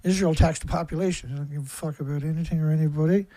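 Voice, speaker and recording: A man's voice: on the high side, fairly even intonation, very fast, mellow, dry recording. A man hosting a livestream, delivering an angry, profane rant full of hammering rhetorical questions. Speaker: livestream host. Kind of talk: ranting livestream monologue.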